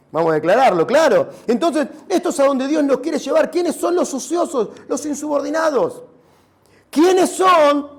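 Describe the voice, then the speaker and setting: A male pastor with a Rioplatense Spanish accent delivers an animated sermon. His voice sits very high and has a gravelly edge. He swells into shouts at times. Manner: animated preaching, rising to shouts.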